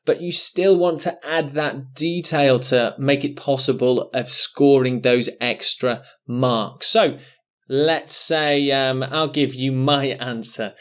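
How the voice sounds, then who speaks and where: A man's voice: mid-range voice, fairly even intonation. A man teaching an exam speaking lesson, thinking aloud as he writes out model answers. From England. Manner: slow, deliberate, thinking aloud while writing. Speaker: English test teacher. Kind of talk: recorded online lesson.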